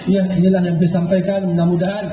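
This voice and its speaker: High-voiced preacher in an echoey hall. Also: male voice, background noise. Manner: animated, quotes Arabic verses slowly. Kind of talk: sermon storytelling. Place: religious gathering. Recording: echoey hall with muffled sound.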